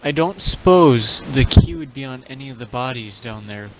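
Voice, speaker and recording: Man, mid-pitched voice, deadpan, tabletop player, faint hiss. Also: normal speed, poor audio. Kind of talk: casual tabletop role-play chat.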